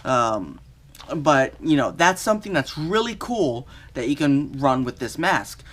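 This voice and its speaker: A man giving a casual, unscripted product review in a halting, think-aloud way. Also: medium pitch, sing-song, fairly bright tone.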